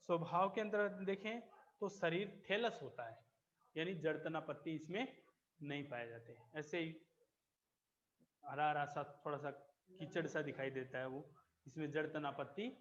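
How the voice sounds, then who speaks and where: A man teaching a biology class, explaining slowly, repeating key terms and checking that students follow. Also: a little high, a bit bright, dull audio. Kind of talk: classroom lecture.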